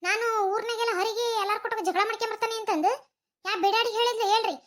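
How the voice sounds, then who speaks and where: A woman voicing a sharp-tongued, defiant young village wife in a cartoon comedy, talking in a North Karnataka Kannada accent and firing back scolding retorts. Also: extremely high pitch, fairly even intonation, racing. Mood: indignant.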